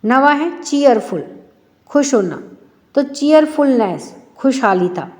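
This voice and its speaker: A woman's voice: high voice, expressive, takes it slowly, a little mellow, long reverb tail. A woman teacher explaining an English lesson for schoolchildren, asking rhetorical questions and answering them herself.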